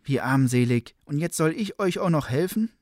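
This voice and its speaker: A man's voice: a little high, animated, normal speed, darkish tone, no echo, pitched above the performer's own voice, close to an everyday voice. A man voicing Hildegard, a proud noblewoman turned healer who speaks with cold, commanding reproach, in a read-aloud German legend with a dry, close sound. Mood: stern.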